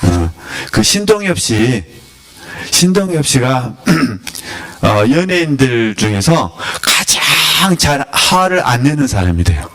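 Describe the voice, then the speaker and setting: Slow and mid-range in voice, this man teaches at a spiritual academy with an easygoing sermon style. He addresses his listeners conversationally, peppering them with questions and chuckling softly along the way.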